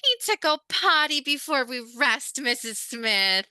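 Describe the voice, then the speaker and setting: A woman's voice: sits high, lively intonation, unhurried, bright, forceful tone, clean tone, no echo, studio quality, pitched above the performer's own voice, full character voice. A woman mimicking a condescending caregiver who speaks to an older adult in sing-song baby talk. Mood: patronizing. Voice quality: sing-songy, cooing.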